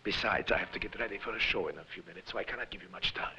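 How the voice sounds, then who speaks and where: Casting: pompous, grandiose flea circus showman, old film, theatrical, sharp bright delivery, dull recording. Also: on the low side, racing. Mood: fussy, pleading. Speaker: actor in a film. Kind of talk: old film dramatic acting. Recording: dull old film soundtrack, faint music.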